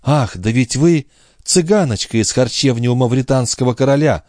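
A man's voice: on the low side, normal speed, no room sound, studio quality, lightly acted. A man reading a storybook aloud, voicing an emotional young noblewoman in love who speaks with eager, breathless feeling. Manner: breathless, excited. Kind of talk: audiobook reading.

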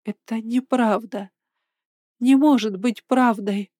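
A woman's voice: a little high, slow pace, dark tone, no echo, studio quality. Woman voicing a frightened young heroine. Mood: anguished. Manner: raised, trembling cries.

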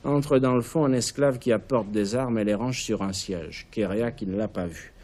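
Male author reading stage directions; even, measured delivery. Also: on the low side. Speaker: author reading his play.

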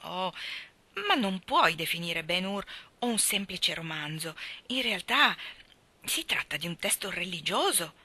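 A woman's voice: lowish voice, lively intonation, a little slow, sharp tone, heavily acted. A woman voicing an earnest, talkative thirteen-year-old girl who pours out her words in an effusive rush, in an audiobook reading. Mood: earnest, pleading. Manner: breathless, effusive, talks on and on.

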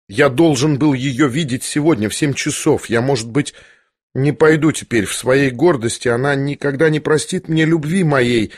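A man voicing a gentle, anguished young prince. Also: medium pitch, no room sound, studio quality, close to an everyday voice. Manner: soft, hesitant, pained. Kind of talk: audiobook character voice.

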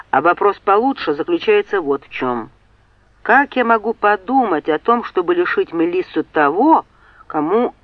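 A cool-headed young man who needles his brother, as a woman reading a novel puts him on. He speaks in a measured, cutting way. The sound is dry and a little muffled. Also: medium pitch, no room sound.

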